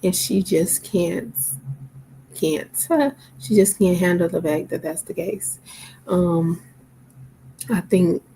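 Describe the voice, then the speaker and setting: A woman's voice: fairly low pitch, takes it slowly, creaky, pauses often, warm tone, slight background noise, rough recording. A tired, sleepy woman talking casually to camera, rambling with lots of fillers. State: sleepy, yawning.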